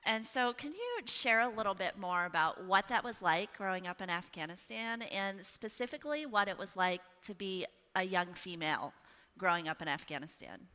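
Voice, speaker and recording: A woman's voice: mid-range voice, expressive, normal speed, pushed and bright. A woman hosting a stage interview at a church event, effusive and encouraging with her guest. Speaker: host. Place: church hall. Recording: long hall reverb.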